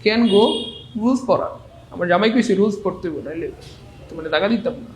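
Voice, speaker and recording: A man's voice: high-pitched, lively intonation, brisk, a little mellow, roomy sound, a little hiss or hum, rough recording. A man teaching English grammar in a playful, teasing live lesson, often repeating his words.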